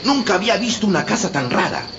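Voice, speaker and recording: A man's voice: high-pitched, sing-song, fast talker, voice pushed up. A man doing a brave young boy. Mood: earnest. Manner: earnest and reassuring. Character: brave young boy Hansel, protective brother. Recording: dull lo-fi, loud background noise.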